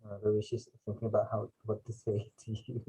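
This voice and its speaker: A man's voice: fairly low pitch, monotone, fast, noisy background. A man, hosting a casual online chat and prompting his guest with questions. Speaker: host.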